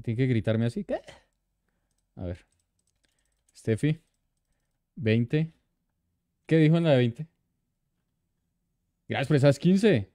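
A man's voice: medium pitch, lively intonation, slow pace, pauses often, warm tone, no echo, clean studio sound. A man, streaming live and chatting casually, greeting and thanking viewers by name.

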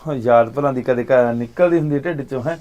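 A man, acting as an uncle in a short film, gently consoling and reassuring his niece. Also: mid-range voice, quick pace, dull audio. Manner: warm, fatherly consoling. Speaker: uncle by marriage.

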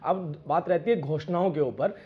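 Man, high voice, phone-line sound, measured, explanatory, debate panelist. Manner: measured, explanatory, addresses opponents directly. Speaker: opposition party panelist. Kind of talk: televised political debate. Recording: tinny phone-line connection.

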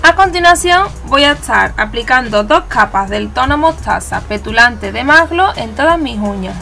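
A Spanish-accented woman from Spain hosts her nail art channel, narrating a step-by-step tutorial in a chatty, instructive way and correcting herself along the way. Her fairly high voice is bright and forceful, with lively intonation, vocal fry and a normal pace. Faint background music plays.

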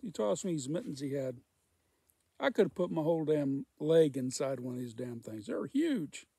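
A man's voice: a little high, sing-song, moderate pace, vocal fry, dark tone, husky, dry recording. A man telling a folksy, rambling work story in casual speech while smoking a pipe. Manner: folksy, rambling, repeats himself. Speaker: storyteller, former welder.

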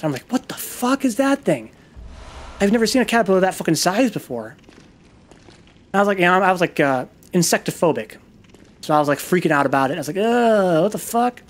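A man casually commenting on his gameplay while telling a long, rambling personal story, swearing freely and poking fun at himself. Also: on the high side. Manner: rambling, profane, self-deprecating storytelling. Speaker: gaming video host.

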